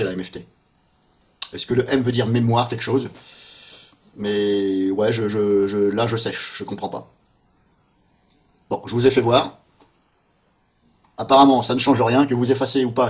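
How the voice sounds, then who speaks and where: A man narrating a screen-recorded software walkthrough, thinking aloud and muttering in puzzlement as he clicks through menus. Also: on the low side. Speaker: software tester.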